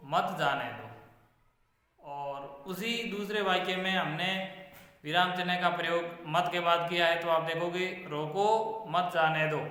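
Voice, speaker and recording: A man teaching a grammar lesson to students, explaining slowly and repeating example sentences with stress. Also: a little high, pushed and bright. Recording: very echoey room with long reverb.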